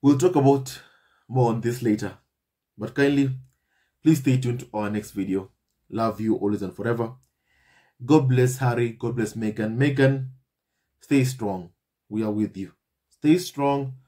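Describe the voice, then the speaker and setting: A man's voice: mid-range voice, measured pace, pauses often, dark tone. Man, mid-range voice, emphatic, repetitive, heated video commentary. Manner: emphatic, repetitive, addresses viewers as family. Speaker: channel host.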